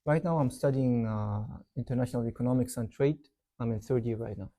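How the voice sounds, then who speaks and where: Answering interview questions in an easy, meandering way, this young Yemeni university student raised in Saudi Arabia has a very dark, mellow, mid-range voice. He talks fairly quickly and relaxed, leaning heavily on "like" and "you know" in this casual chat.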